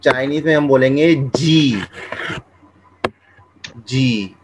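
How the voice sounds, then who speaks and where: A man teaching Chinese pronunciation, repeating each sound several times and explaining in a relaxed, conversational way. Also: mid-range voice, background noise. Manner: drills each sound slowly, repeating syllables. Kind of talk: classroom-style language lesson.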